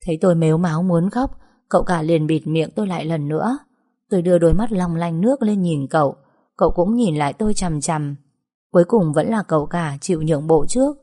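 A woman narrating a first-person story in a steady, even way. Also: fairly low pitch.

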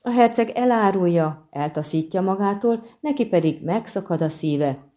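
A woman's voice: medium pitch, lively intonation, dark tone, voice pushed up, close to an everyday voice. A woman voicing a chatty, wistful male bard in an audiobook. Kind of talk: audiobook reading.

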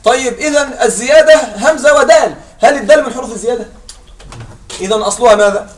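A man with a very high-pitched voice talks fast while teaching a classroom lesson on Arabic morphology. He keeps checking that his students follow, posing questions and then answering them himself.

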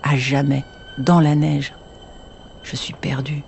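A mellow, dark-toned reader tells a children's bedtime story in a child's first-person voice and turns to confide in the listener now and then. There is a faint hiss underneath. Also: medium pitch, level tone, takes it slowly, gravelly.

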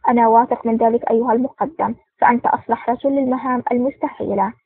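Impatient male spy chief, read by a woman, brusque, high-ish voice, tinny phone-like sound. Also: steady tone, rapid-fire, husky, no room sound. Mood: commanding. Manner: brusque and commanding.

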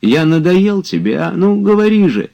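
A man reading aloud as an idle, touchy gentleman, reproachful and easily upset, in a storybook. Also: high-pitched, very animated, moderate pace, gravelly, voice pushed up, heavily acted. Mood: exasperated. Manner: exasperated, reproachful.

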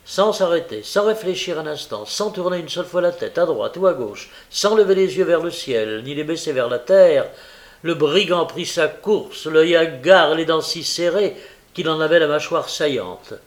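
A man reading a novel aloud in a steady, measured way. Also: fairly high pitch. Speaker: audiobook reader. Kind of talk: audiobook narration.

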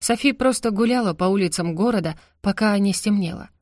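A woman reads a novel aloud with steady, expressive storytelling. Her voice sits at an ordinary middle pitch, recorded dry and close with no room sound. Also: fairly quick, no room sound. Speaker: audiobook narrator. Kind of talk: scripted narration of a novel.

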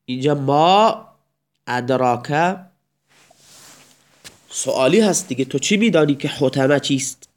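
A man's voice: mid-range voice, expressive, pauses often. A man teaching Arabic grammar in a recorded lecture, explaining step by step and reciting examples in a raised voice.

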